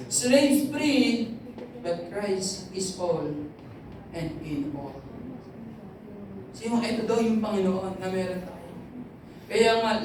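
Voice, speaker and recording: A woman preaches in a lively storytelling way and often mimics the people in her stories. Her voice comes from a distance and rings around a large, very echoey hall. A faint hum of ambient noise sits underneath. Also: on the high side. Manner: lively storytelling, imitates others, frequent fillers. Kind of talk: sermon mixing Tagalog and English.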